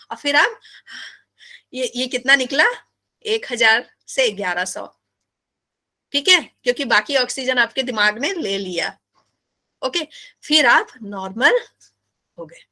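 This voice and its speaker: A woman teaching biology in a live class, animated and playful, often asking her students questions. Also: fairly high pitch.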